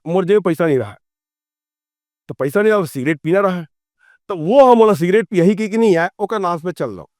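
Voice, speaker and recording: Recorded with studio quality and no echo, a middle-aged man with a Chhattisgarhi accent, a filmmaker and theatre actor, speaks in a voice on the high side. In this casual interview he rambles through stories, animated, performing the quoted dialogue.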